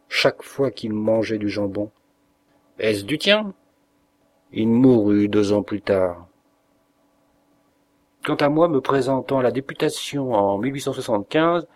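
A man reading a classic short story aloud as an audiobook narrator, in an expressive, measured way. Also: medium pitch.

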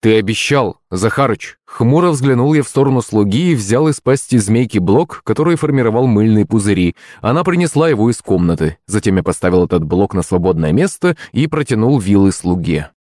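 Male audiobook narrator, lively delivery. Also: on the low side, brisk, hardly any pauses, dry recording, clean studio sound. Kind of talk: first-person fantasy audiobook narration.

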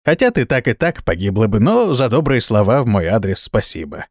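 A man's voice: on the low side, very animated, a little fast, no echo, clean studio sound. A man voicing an old, weary male vampire lord who groans and complains, in a storybook reading.

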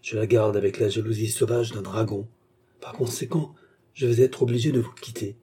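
A man's voice: fairly low pitch, steady tone, moderate pace, dark tone, husky. A man voicing a phlegmatic English baronet, speaking in a polished, formal and courteous way. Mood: suave.

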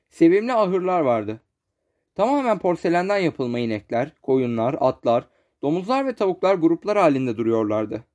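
A man narrating a children's storybook as an audiobook in a steady storytelling manner. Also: fairly high pitch. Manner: steady storytelling, slows for descriptions.

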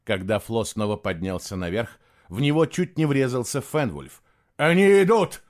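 A man narrating an audiobook in an expressive storytelling manner. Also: fairly low pitch, moderate pace. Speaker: audiobook reader. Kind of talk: scripted narration.

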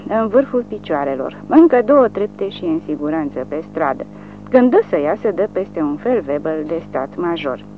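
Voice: mid-range voice, a little hiss or hum. An audiobook narrator reading a war novel in a dramatic, widely varying delivery. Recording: narrow phone-like sound, faint music.

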